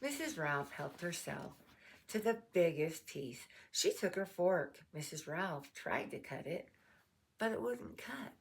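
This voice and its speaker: A woman's voice: on the low side, gravelly, husky. A woman reading a children's picture book aloud, with chatty asides to her dog. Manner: slow, animated, chatty asides. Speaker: storybook reader.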